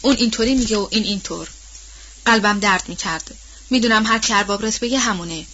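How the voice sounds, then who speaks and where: A woman's voice: mid-range voice, pushed and bright, muffled recording, slight background noise, natural voice. Mammy, an anxious old house servant, as a woman reader does her. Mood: troubled. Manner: plain-spoken, colloquial storytelling. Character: older female house servant, anxious and guilt-ridden.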